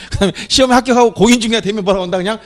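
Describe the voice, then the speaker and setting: A man's voice: sits high, rapid-fire. A middle-aged man giving an exam prep lecture, drilling his students with repeated questions that he answers himself. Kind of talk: classroom lecture.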